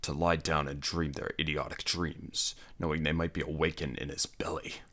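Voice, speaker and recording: A man voicing a gruff, hulking barbarian warrior who talks in blunt, scornful growls for an audiobook. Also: extremely low pitch, level tone, normal speed, pushed and bright. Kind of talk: audiobook character voice.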